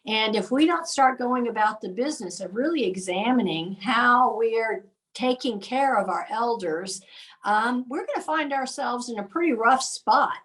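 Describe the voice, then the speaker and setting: A woman, a nonprofit founder, telling lively anecdotes in casual conversation with many filler ums. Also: on the high side, normal speed, far from the mic, low-quality recording. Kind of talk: conversational storytelling.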